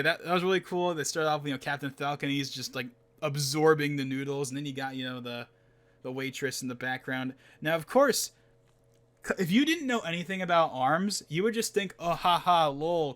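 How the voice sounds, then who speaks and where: A man's voice: on the high side, sharp tone. A young man hosting a gaming podcast, rambling casually with many fillers and laughs. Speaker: podcast host.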